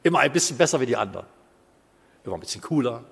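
A man in his fifties preaching a sermon in a conversational way, with quiet asides and loud bursts of emphasis. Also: mid-range voice, lively intonation, rapid-fire, gravelly, slightly rough. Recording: hall with long reverb.

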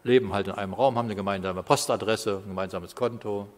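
A man in his fifties preaching a sermon in a conversational way, with quiet asides and loud bursts of emphasis. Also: fairly low pitch, steady tone, quick pace. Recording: hall with long reverb.

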